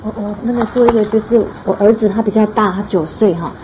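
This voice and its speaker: A woman, a mother of a young son, telling a family story in an animated way and laughing as she goes. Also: mid-range voice, fast talker, background noise. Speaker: mother sharing experience. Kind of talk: group sharing, anecdote. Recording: dull lo-fi recording, faint ambience.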